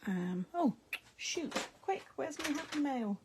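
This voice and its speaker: On her crafting livestream, a middle-aged British woman reads viewers' comments aloud, chats casually and laughs frequently. Her high voice swings widely in pitch, she speaks slowly, and the audio is very noisy. She is from the UK and has a British English accent.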